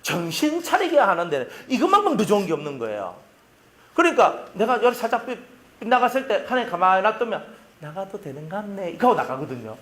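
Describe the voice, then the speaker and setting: A male pastor with a Gyeongsang Korean accent preaching a sermon, telling stories in an animated way and using lots of sound effects. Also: sits high, fast.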